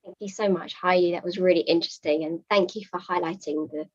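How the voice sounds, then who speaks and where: A woman's voice: lowish voice, steady tone, fast talker. A woman moderating an online panel, polite as she thanks and introduces speakers. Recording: dull lo-fi video call audio.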